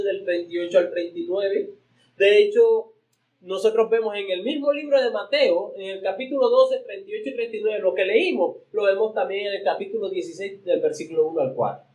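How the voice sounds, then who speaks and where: Pastor, male, high voice, emphatic sermon delivery with big pitch swings, repeats words mid-phrase. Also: normal speed, darkish tone, rough recording. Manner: preaching with emphatic pitch swings, reading scripture aloud; repeats words while searching for the next phrase.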